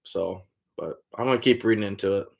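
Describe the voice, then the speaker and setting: Dude on a live stream, kinda low voice, easygoing, calls everyone buddy. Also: male voice, brisk, gravelly. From Iowa, USA. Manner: laid-back, calls chatters "buddy", trails off with "I don't know". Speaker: trapper hosting a live stream. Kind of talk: casual live-stream chat answering viewers.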